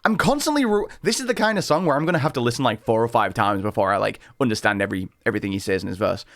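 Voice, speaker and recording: Excitable man rambling over a song. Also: medium pitch, racing, no echo, studio quality. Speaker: reaction channel host. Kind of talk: casual music reaction commentary.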